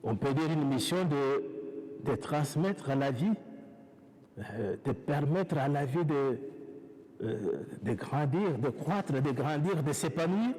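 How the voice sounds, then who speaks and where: A priest with an African French accent preaches a sermon, his fairly high voice moving at a slow, unhurried pace. He builds his phrases step by step, pausing and restarting as he goes. His words ring out in a church with a long, lingering echo. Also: a little mellow. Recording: reverberant church hall.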